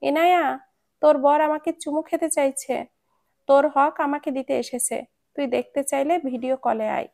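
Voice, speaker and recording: Woman voicing a clowning young man, playful teasing, slightly high, gravelly, dry close sound. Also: normal speed, darkish tone.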